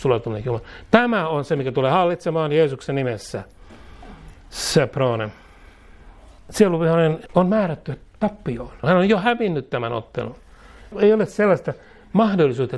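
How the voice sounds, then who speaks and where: A man's voice: mid-range voice, darkish tone. A man preaching a charismatic sermon, declaring against demons and fear, then leading the congregation in a prayer they repeat line by line. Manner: declaring, repeating lines for the congregation to echo, speaking in tongues. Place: church service before a congregation.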